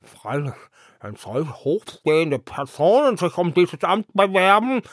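A man voicing an excitable herring head in a storybook reading, loud and exclaiming. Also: high-pitched, unhurried, dry recording, studio quality, voice pushed up, heavily acted. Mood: excited.

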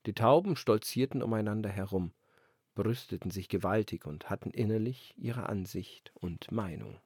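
A man reading a fairy tale aloud in a calm, expressive storytelling manner on a close mic. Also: lowish voice, moderate pace, breathy edge, dry recording. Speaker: narrator.

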